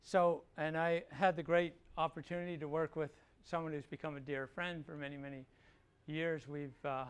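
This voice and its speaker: A man's voice: on the high side, level tone, normal speed, clear, resonant tone. Wry older man telling field stories. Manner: wry, anecdotal, self-correcting. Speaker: lecturer. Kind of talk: public lecture storytelling.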